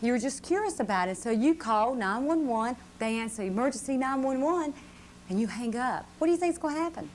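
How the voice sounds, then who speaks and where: During a live puppet show, a fire safety educator with a fairly high, expressive voice gives children a simple safety lesson, speaking a little fast and checking their understanding with questions. The VHS tape recording carries faint noise.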